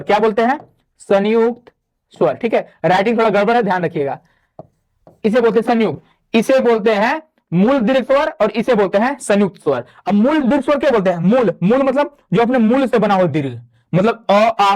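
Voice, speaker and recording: A man's voice: high-pitched, darkish tone. A man teaching a Hindi grammar lecture, explaining step by step and posing questions to the class that he answers himself. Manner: drawn-out spoken demonstrations of vowel sounds; chatty classroom asides to students. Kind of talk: online exam-prep lecture.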